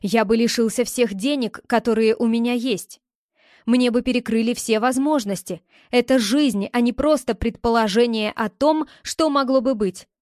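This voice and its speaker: Audiobook role: a woman voicing a young man, a pleading ex who turns curt, in a fairly high, dry-sounding voice. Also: moderate pace, a little mellow, no echo, natural voice. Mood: defensive. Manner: pleading, then curt and defensive. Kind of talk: audiobook character reading.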